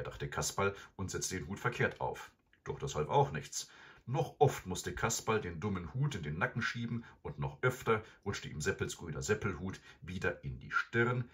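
A man reading a children's storybook aloud in an expressive, animated way. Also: deep voice. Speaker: narrator.

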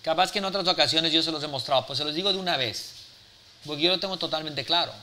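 Brief: forty-something male mentor, slightly high, sharp and forceful, blunt and profane with a crowd. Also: fast talker, a little hiss or hum. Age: 40s. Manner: blunt, forceful, swears freely, peppers with "¿sí?". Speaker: business speaker and mentor. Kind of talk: live mentoring talk to an audience.

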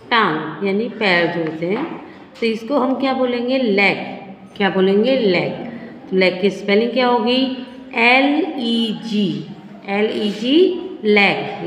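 A woman's voice: on the high side, slight background noise. A woman teaching a primary school class, spelling words out letter by letter and repeating them, asking questions and answering them herself. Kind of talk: recorded online class lesson. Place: school setting. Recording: echoey room with long reverb.

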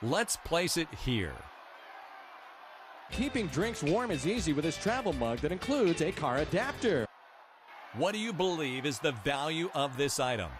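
A man playing an upbeat game show prize announcer in a video game, with a booming, excited, scripted delivery. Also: unhurried, over music, crowd noise.

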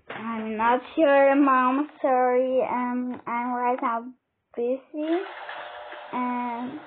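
Woman gamer, hesitant and filler-heavy, role-play commentary, faint background hiss. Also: on the high side. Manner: hesitant, many fillers and exclamations. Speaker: game player. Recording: tinny phone-like audio with faint noise.

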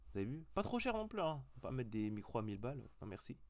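Young male reaction host, casual and slangy, rambles and swears, average pitch, cheap mic. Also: sing-song, rapid-fire. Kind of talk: casual chat to viewers. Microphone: cheap webcam mic.

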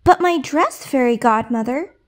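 A woman voicing a gentle, earnest young servant girl in a bedtime story. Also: sits high, lively intonation, normal speed.

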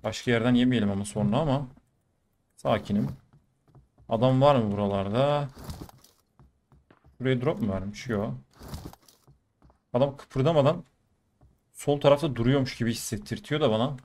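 A man's voice: mid-range voice, moderate pace, long pauses. Male gaming streamer, chatty play-by-play, mid-range voice, faint background hiss. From Turkey. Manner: chatty, addresses viewers, bursts of excitement. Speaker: gaming YouTuber. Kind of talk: live commentary over mobile shooter gameplay.

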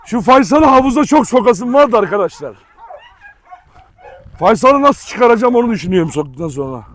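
A man's voice: high-pitched, slight background noise. A man vlogging outdoors by a pool, coaxing, teasing and scolding his dogs while chatting to viewers. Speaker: dog owner vlogger. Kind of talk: casual vlog talk to dogs and viewers.

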